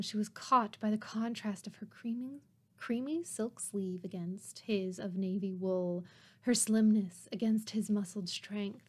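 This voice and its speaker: A woman hosting a podcast, reading a novel aloud with wry, sarcastic asides between passages. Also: medium pitch. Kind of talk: casual read-aloud with joking asides.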